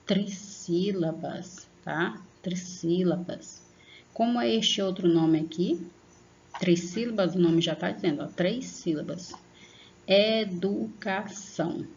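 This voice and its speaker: A woman teaching young children in an online lesson, patient and slow, stretching out example words and checking in often. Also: fairly low pitch, creaky, darkish tone, muffled recording, a little hiss or hum. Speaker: primary school teacher.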